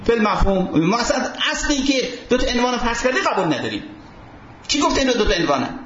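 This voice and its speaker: High-voiced man lecturing in a roomy hall. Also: sing-song, a bit bright. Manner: poses fill-in questions to students; quotes Arabic texts. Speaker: seminary teacher. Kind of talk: seminary lecture. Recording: roomy dull recording with faint hiss.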